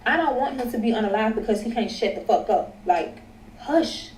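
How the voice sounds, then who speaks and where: A woman's voice: on the high side, fast, a little mellow, echoey room, distant mic, a little hiss or hum, rough recording. A woman telling a dramatic story to viewers, profane and chatty. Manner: dramatic, profane, addresses "y'all". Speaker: storyteller in a clip.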